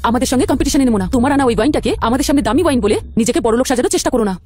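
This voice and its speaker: A woman's voice: high-pitched, racing, darkish tone, lightly acted. An actress playing a stern, contemptuous mother who scolds her son in a family drama. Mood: scornful. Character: stern haughty mother of a rich family, older woman. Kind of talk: TV-style family drama acting.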